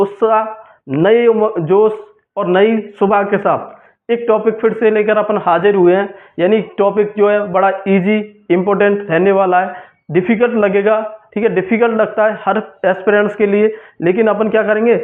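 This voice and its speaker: High-voiced man teaching, tinny audio. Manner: repetitive, asks and answers own questions; mixes English terms into Hindi. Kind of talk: exam-prep class lecture.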